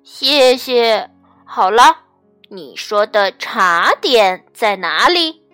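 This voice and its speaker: A mischievous male elephant from a storybook, stuck and pleading but still cheeky, read aloud by a woman. The voice is high and slow-moving, with faint music playing underneath. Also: lively intonation, bright, forceful tone, no room sound, exaggerated voice. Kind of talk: storybook reading.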